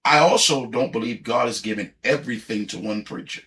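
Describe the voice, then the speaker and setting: Bishop guy, low and gravelly but bright, talks blunt and preachy, little hiss behind. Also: fairly quick, distant mic. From East Baltimore. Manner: emphatic, preacherly, street-blunt. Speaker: bishop, guest. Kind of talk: casual conversation on a livestream.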